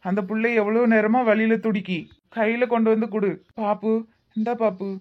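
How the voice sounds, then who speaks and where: A woman voicing a kindly widowed father-in-law who speaks gently and coaxingly, in a Tirunelveli Tamil accent. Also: a little high, fairly even intonation, normal speed, natural voice. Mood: gentle, coaxing. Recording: slightly muffled lo-fi audio.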